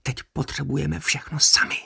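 A man voicing a starving, stubborn male prisoner who speaks urgently and in hushed tones. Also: on the high side, little pitch movement, gravelly, breathy edge, no echo, clean studio sound, pitched above the performer's own voice, full character voice.

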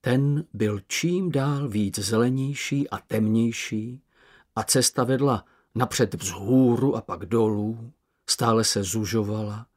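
A man narrating a children's audiobook with expressive storytelling. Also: mid-range voice.

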